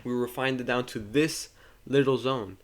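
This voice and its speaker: A man's voice: medium pitch, fairly even intonation, normal speed. A man giving a casual screen-share trading lesson, talking loosely, often restarting and correcting himself, and speaking to viewers informally. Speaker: trading tutor.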